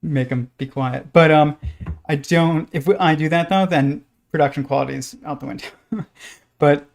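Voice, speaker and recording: A man hosting a casual livestream in a halting, rambling way, with pet lizards scratching in the background. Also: on the high side, creaky. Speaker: live stream host.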